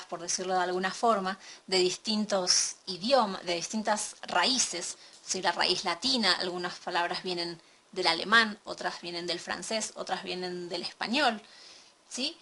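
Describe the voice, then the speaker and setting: A woman gives a recorded language lesson from slides. Her voice is bright and clear at a middle pitch. She explains patiently, step by step, and checks in with her students along the way. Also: measured pace, slight background noise. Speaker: English teacher.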